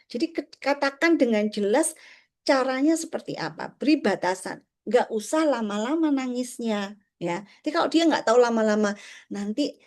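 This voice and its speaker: A middle-aged woman giving a parenting talk to parents, explaining gently and acting out short exchanges between parent and child. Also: fairly high pitch, lively intonation, normal speed. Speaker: parenting speaker.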